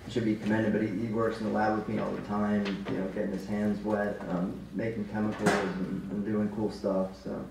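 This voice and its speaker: A man with a gravelly, fairly low voice talks casually on a panel, with fillers. He is heard from afar in a very echoey room. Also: flat delivery, fairly quick, few pauses, background noise. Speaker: guest speaker, scientist. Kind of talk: panel conversation. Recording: echoey room, far from the mic.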